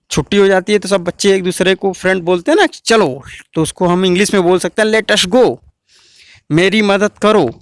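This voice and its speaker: Male teacher, slow repetitive drilling, fairly high voice, dry sound. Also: no echo. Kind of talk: classroom English lesson.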